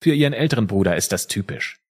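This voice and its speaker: Low husky-voiced man narrating true crime. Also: animated, fast. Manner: storytelling, easygoing asides. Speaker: podcast co-host.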